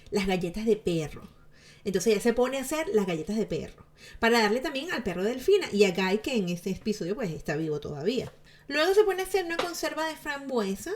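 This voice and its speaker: A woman's voice: medium pitch, darkish tone. A woman giving chatty, sarcastic commentary to her viewers, laughing often. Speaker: celebrity gossip vlogger.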